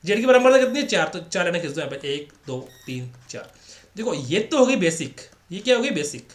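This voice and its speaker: High-voiced chatty man teaching maths. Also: very animated, a little fast, echoey room. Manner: chatty, repetitive, asks rhetorical questions. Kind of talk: casual classroom lecture.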